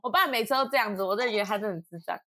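Young Taiwanese woman, podcast co-host, lively exasperated storyteller, dry close mic. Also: mid-range voice, rapid-fire, dry recording. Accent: Taiwanese Mandarin. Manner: animated storytelling, exasperated, laughing often. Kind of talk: casual chat.

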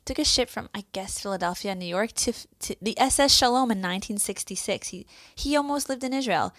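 A woman in her thirties telling her story in a casual chat, peppered with "like" and quick asides. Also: medium pitch, a bit bright, no echo, clean studio sound. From United States. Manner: chatty, lots of "like" fillers, quick storytelling. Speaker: guest.

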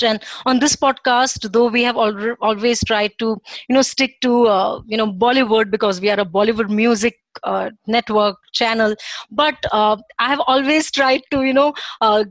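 A woman's voice: on the high side, dry recording. A woman with a North Indian accent hosting a casual interview, effusive and slipping between English and Hindi. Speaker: podcast host.

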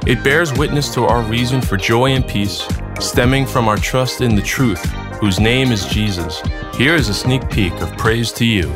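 A man introducing a music segment with a measured, earnest scripted delivery. His voice is mid-pitched and steady, and he reads at an even pace. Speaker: music production director.

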